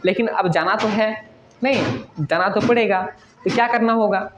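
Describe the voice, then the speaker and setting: A woman's voice: mid-range voice, normal speed. A woman teacher explaining a poem to her class, often checking whether they follow and answering her own questions. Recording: echoey, dull lo-fi room recording with faint noise.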